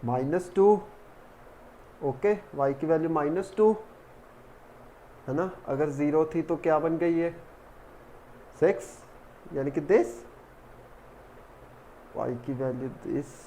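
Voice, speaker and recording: A man tutors a math class, walking through each step and counting terms aloud as he writes. His voice sits slightly high and his delivery is slow. A faint hiss of noise runs under the recording. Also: mellow. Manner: talks while working, counts terms aloud.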